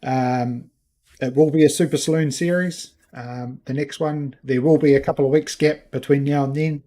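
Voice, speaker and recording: Male race series host, New Zealand accent, even flat pitch, halting off-the-cuff delivery. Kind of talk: casual unscripted thank-you talk.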